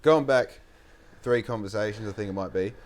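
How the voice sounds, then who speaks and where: A man's voice: on the low side, normal speed. Sweary Australian man in his late twenties. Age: 20s. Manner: rambling and sweary, storytelling. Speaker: podcast host. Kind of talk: casual chat.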